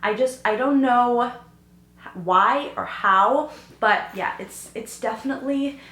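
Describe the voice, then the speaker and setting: A woman's voice: fairly high pitch, takes it slowly, fairly bright tone. A young woman in a casual vlog who is losing her voice, chatting eagerly with many fillers. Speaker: fashion vlogger. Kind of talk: casual chat to camera. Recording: roomy home recording.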